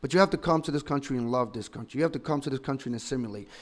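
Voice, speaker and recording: A man's voice: medium pitch, racing. A man in his thirties from the Dominican Republic, a political commentator giving opinionated, emphatic and argumentative commentary full of rhetorical questions. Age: 30s.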